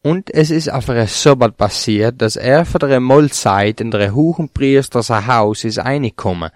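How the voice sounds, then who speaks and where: A man reading a Bible chapter aloud in a steady, plain voice, lifting slightly on quoted speech. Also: medium pitch, moderate pace, no room sound, clean studio sound. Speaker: scripture reader.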